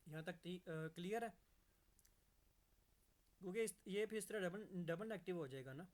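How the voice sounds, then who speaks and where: A man teaching English grammar in a fairly high voice. He reads each example sentence out slowly and keeps checking in with his viewers.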